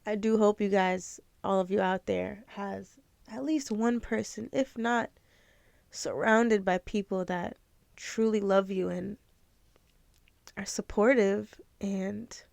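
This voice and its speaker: On her podcast, a young woman delivers an earnest, emotional pep talk in a casual style, occasionally on the verge of crying. The voice is medium-pitched, gravelly and darkish, with fairly even intonation and an unhurried pace, recorded without echo.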